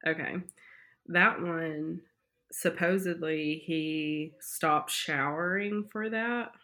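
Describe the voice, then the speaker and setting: A woman's voice: sits low, takes it slowly, bright, forceful tone. A woman chatting casually with a friend, hedging her gossip with "like" and "supposedly". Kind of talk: casual chat.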